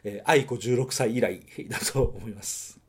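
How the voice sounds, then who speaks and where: A husky, medium-pitched man from Nagoya, Japan, talks at a normal speed as he hosts a film podcast. He reviews a movie on his own in a casual way, correcting himself as he thinks out loud.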